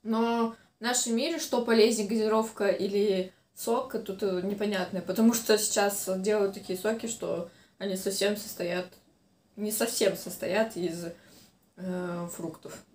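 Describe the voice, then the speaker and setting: A woman's voice: mid-range voice, steady tone, measured pace, a little mellow. A woman in her twenties chatting casually and a little hesitantly, chewing while talking as she eats. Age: 20s. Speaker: mukbang vlogger. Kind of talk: casual chat while eating. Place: small room indoors. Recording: roomy indoor echo.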